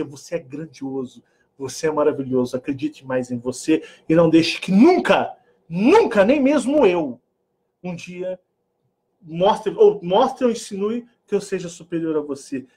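Brazilian male host with a raised pitch, middle-aged, Brazilian Portuguese accent, animated, joking, slips between playful and earnest talk. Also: normal speed. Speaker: spiritual channel host. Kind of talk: casual spiritual monologue.

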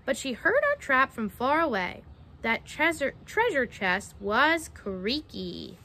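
A young woman storyteller, outdoors on a wooden backyard deck, performs a children's picture book, dramatizing verses and asking the kids questions. Her high voice is slow, bright and forceful, swinging widely in pitch.

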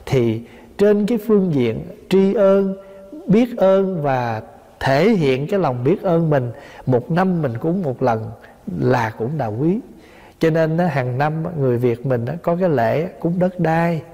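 A man's voice: fairly high pitch, expressive, takes it slowly, dark tone. A man, a Buddhist monk, giving a dharma talk, explaining patiently and asking listeners rhetorical questions. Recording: long hall reverb.

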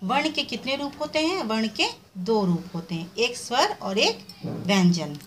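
A woman's voice: fairly high pitch, big pitch swings, measured pace, a little hiss or hum. A woman teacher giving a recorded revision lesson, explaining step by step and answering her own questions. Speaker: Hindi teacher.

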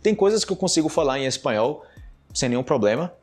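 A man's voice: fairly high pitch, very animated, fast, a little mellow, faint music behind. A young man from Brazil speaks with a Brazilian Portuguese accent and a somewhat raised voice. He teaches in an easygoing, conversational way. He acts out small everyday scenes to make his points. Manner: conversational, explains with acted-out examples. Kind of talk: casual video lesson.

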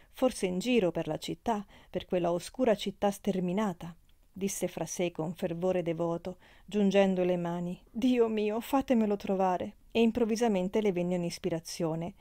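A woman narrating an old novel as an audiobook in a measured, expressive reading. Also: lowish voice, no room sound, studio quality. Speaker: audiobook reader.

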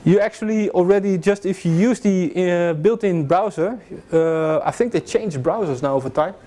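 A young adult man with a high, warm voice talks at a moderate pace through an informal security lecture with slides, joking with his class and often restarting amid fillers. A distant camera records him in a classroom fitted with a projector screen.

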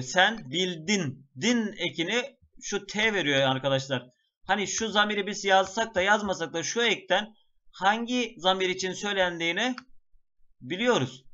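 A man's voice: sits high, pushed and bright. A man teaching an exam-prep lesson step by step, chanting word lists in a sing-song melody. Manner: explains step by step, often addressing the class. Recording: dull lo-fi sound.

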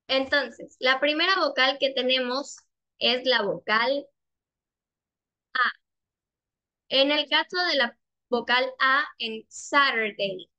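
A young woman teaching an online class over a video call. She patiently repeats her questions and draws out the example words slowly. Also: sits high, bright, forceful tone. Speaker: English teacher.

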